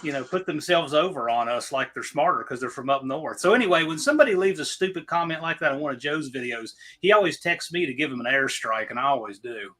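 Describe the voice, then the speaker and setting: An opinionated man holds forth in a casual group chat. His voice is husky yet bright, and it rises and falls freely as he presses his point. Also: fairly high pitch, lively intonation, quick pace, hardly any pauses. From American South.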